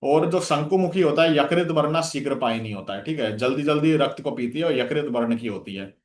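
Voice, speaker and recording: A man's voice: a little high, animated, fairly quick, echoey room. A man giving a revision lecture for an exam, listing terms with memory tricks and checking in with "theek hai" again and again. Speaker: exam coaching teacher.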